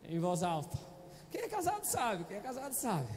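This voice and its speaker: Brazilian pastor guy, really high voice, joking around w the church, handheld mic, big reverby hall. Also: wildly swooping pitch, moderate pace, a little hiss or hum. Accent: Brazilian Portuguese. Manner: chatty, playful preaching with frequent audience questions. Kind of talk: Sunday sermon. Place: church auditorium. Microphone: handheld microphone.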